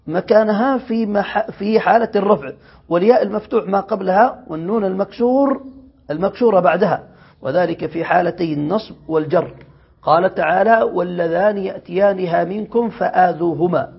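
A man's voice: sits high, vocal fry, husky. A man teaching a classical Arabic grammar lesson, reading the text aloud, explaining it and quizzing his students. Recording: dull lo-fi lecture recording.

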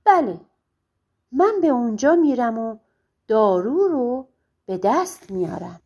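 Devoted young storybook wife, tender and eager, read by a woman, soft husky tone. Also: fairly high pitch, sing-song, lo-fi sound. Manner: earnest, tender.

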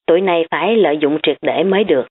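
A woman's voice: deep voice, quick pace, breathy edge. A woman voicing a blunt, teasing young female student, on tinny phone-like audio. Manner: frank and teasing.

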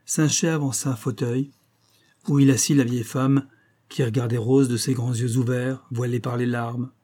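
A man narrating a classic novel as an audiobook in a steady, measured reading. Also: mid-range voice.

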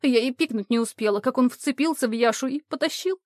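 A woman voicing a plump grieving woman who speaks in a slow, tragic, drawn-out way in an audiobook. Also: high voice, darkish tone, dry recording, clean studio sound, close to an everyday voice. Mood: lamenting.

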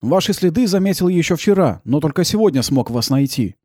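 A man voicing a calm, laconic male driver in an audiobook, answering slowly and flatly. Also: a little high, no echo, clean studio sound, pitched above the performer's own voice. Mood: calm, matter-of-fact. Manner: calm, slow, unhurried replies.

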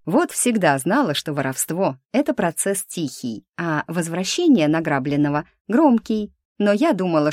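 A woman reads a first-person audiobook with lively, ironic storytelling. Her voice is low for a woman, and the sound is dry and close, with no room around it. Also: no room sound.

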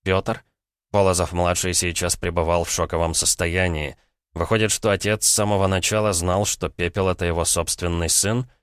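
A male audiobook narrator with a very low, deep voice reads in a measured, dramatic way. The recording is close and dry, with no room sound. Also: little pitch movement, clean tone, dry recording. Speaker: audiobook reader. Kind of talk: scripted narration.

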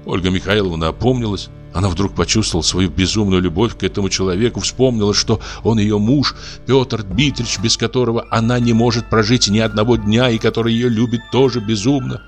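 A man narrating a literary story as an audiobook reader, in a measured, expressive way. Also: on the low side, soft background music.

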